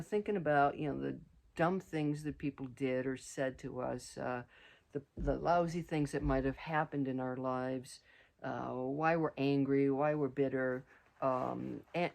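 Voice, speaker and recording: A woman's voice: low voice, creaky, a little mellow. A middle-aged woman vlogging casually outdoors on a mountain trail, rambling with many fillers and restarts. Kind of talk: casual hiking vlog.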